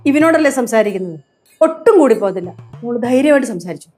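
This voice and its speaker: An actress playing a scolding, sharp-tongued old grandmother in a TV sitcom. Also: fairly high pitch, lively intonation, quick pace, faint music behind, natural voice. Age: older. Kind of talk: TV sitcom acting.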